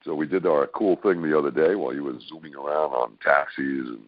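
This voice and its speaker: A man's voice: rumbling low, steady tone, brisk, a little hiss or hum. A man hosting an interview over a call, joking and playful as he sets things up. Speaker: interviewer, host. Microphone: phone on a conference call. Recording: muffled conference call line.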